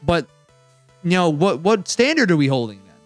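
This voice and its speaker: A man hosting a casual roundtable chat, rambling and excitable, full of filler words. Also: a little high, moderate pace, no room sound, faint music behind. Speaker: podcast host.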